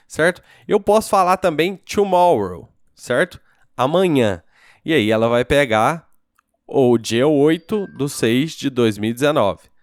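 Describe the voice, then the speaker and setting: A man's voice: mid-range voice, no echo, clean studio sound. A man with a Brazilian Portuguese accent giving a casual programming screencast tutorial, thinking aloud and checking in with the viewer after each step. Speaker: programming teacher.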